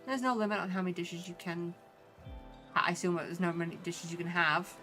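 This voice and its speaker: A woman's voice: fairly low pitch, fairly even intonation, brisk, sharp tone, faint music behind. An Irish woman reading as a kindly auntie cook. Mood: warm. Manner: reading game dialogue aloud.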